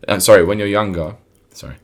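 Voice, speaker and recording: A young man from London talks in a deep voice with a strong local accent. He chats casually and informally, leaning on slang and putting emphasis on his points. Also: fast. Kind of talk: casual chat.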